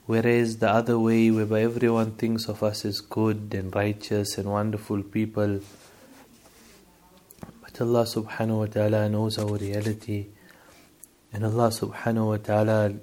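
A man giving a sermon, telling a moral story in a measured, steady way. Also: fairly low pitch. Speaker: Islamic preacher.

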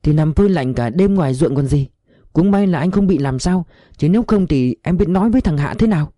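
A man's voice: a little high, lively intonation, brisk, warm tone, dry recording, studio quality, pitched above the performer's own voice, natural voice. A man voicing an anxious, caring middle-aged woman who frets and scolds in a worried, pleading way.

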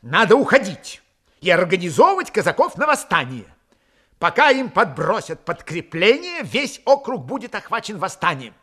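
A despairing, educated former officer, voiced by a male reader, plaintive and resigned in tone. His voice is high and lively in pitch. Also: normal speed, husky, exaggerated voice.

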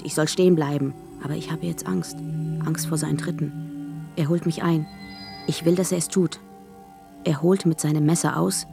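An actress narrating in first person as a wounded, desperate young woman in a radio drama, speaking in halting, short, fragmented phrases. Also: sits low, creaky, mellow. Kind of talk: scripted radio drama monologue.

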